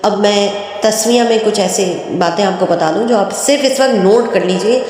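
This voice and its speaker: A woman's voice: mid-range voice, darkish tone, a little hiss or hum. Woman teacher in an echoing hall. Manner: patient, explains slowly and repeats each letter in a drawn-out chant. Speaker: Quran reading teacher. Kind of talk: step-by-step recitation lesson. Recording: very echoey room with long reverb.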